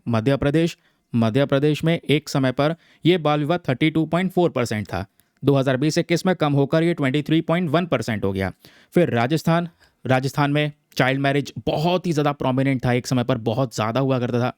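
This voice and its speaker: Recorded at studio quality with no room sound, a fairly high-pitched man chats his way through a newspaper article for exam students. He often checks in with viewers, speaks to them as friends, and repeats "theek hai." English terms are woven into his Hindi.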